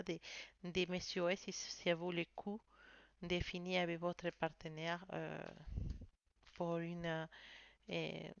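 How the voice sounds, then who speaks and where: Woman tarot reader, lowish smooth voice, slow and halting delivery, dry, slightly dull recording. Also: fairly bright tone, no echo. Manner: hesitant, searching for words, many fillers. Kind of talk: monthly tarot reading video.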